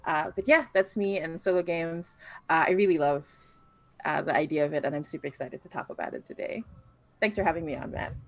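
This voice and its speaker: A woman's voice: low voice, a little fast. A woman from the Philippines chatting casually as a guest on a panel, informal and self-deprecating. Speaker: game designer, panel guest.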